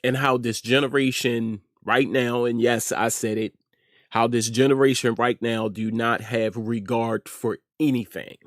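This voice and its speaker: With a mid-range voice, fairly even intonation and a measured pace, a middle-aged American man hosts an online news commentary show. He speaks emphatically in informal opinion commentary, repeating phrases for effect. The studio audio is clean and free of echo.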